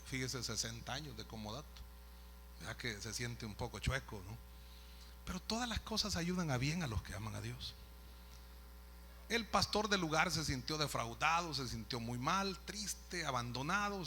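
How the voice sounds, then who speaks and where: Sharing a sermon testimony, a Salvadoran pastor narrates in a chatty way, turning aside now and then to speak to the congregation. His mid-range voice sounds pushed and bright over slight background noise.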